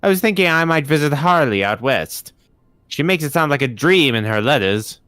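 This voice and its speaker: A man voicing a goofy, joking male city cop in a video game, lively and sarcastic. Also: fairly high pitch, moderate pace, smooth, pitched above the performer's own voice.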